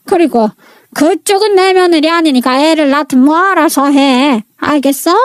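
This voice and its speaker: A woman's voice: sits high, normal speed, no room sound, studio quality, lightly acted. A woman voicing a furious elderly mother-in-law who scolds bluntly and bosses everyone around.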